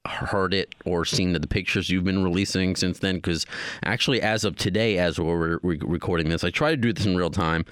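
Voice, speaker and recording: Low-voiced man hosting a podcast. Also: smooth, no echo, studio quality. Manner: relaxed, rambling, quick asides. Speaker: podcast host. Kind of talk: casual podcast chat.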